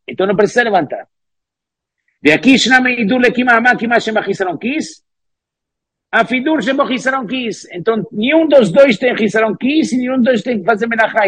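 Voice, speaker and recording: Husky high-voiced man teaching Talmud. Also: fairly bright tone, no room sound. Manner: reads Hebrew and Aramaic phrases, then explains them with repeated "¿cierto?". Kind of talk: Talmud class explaining a text line by line.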